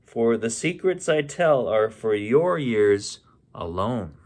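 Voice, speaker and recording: A man voicing a secretive old hermit in a children's storybook, telling of the past in a mysterious, drawn-out way. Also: medium pitch, big pitch swings, darkish tone. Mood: secretive, wistful.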